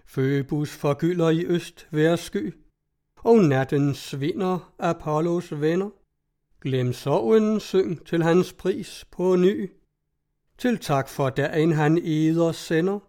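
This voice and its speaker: A proud townsman who lectures scornfully and indignantly, as a man reads him aloud. The voice sits a little high and stays mellow, fitting a storybook character. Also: natural voice. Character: proud, scornful male citizen.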